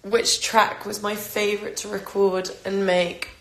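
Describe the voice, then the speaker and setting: Her mid-range voice is flat and measured in pace. The speaker, a singer in her twenties with a London accent, casually answers fans' questions on a phone livestream in an echoey room, rambling with lots of fillers and restarts.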